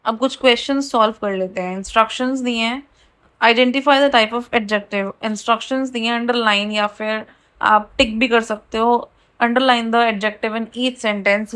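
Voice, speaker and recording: Woman teacher with an Indian accent and a higher-pitched voice. She reads the rules out slowly and explains them briskly. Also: a bit bright. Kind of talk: grammar lesson in Hindi and English.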